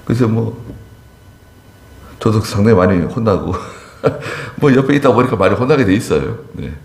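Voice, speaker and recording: Deep-voiced man preaching in an echoey church. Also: vocal fry. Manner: emphatic, animated preaching with asides to the congregation. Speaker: pastor. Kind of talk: sermon. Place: church sanctuary.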